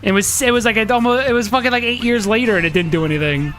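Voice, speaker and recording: A man's voice: high voice, fast talker, fairly bright tone, soft background music. A man in his thirties, co-host of a casual podcast, arguing his point heatedly and swearing freely. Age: 30s.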